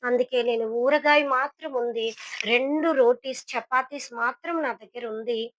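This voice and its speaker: A woman's voice: on the high side, unhurried, muffled recording, slight background noise, lightly acted. A woman voicing a poor, humble woman who speaks meekly and sorrowfully. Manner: meek, sorrowful.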